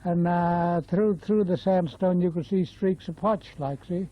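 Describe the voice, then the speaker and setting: A man's voice: high voice, measured pace, no room sound. An Australian man in his nineties reminiscing in a casual, rambling old man's way, often repeating himself. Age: 90s. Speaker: interviewee, former bush labourer. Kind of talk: casual oral history reminiscence. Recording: dull lo-fi field interview tape.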